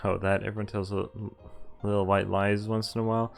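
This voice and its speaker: Reading a visual novel aloud over its background music, a man voices both narration and dialogue in a conversational style, sometimes faltering and self-correcting. His voice is lowish and creaky, slightly fast, with little variation in pitch.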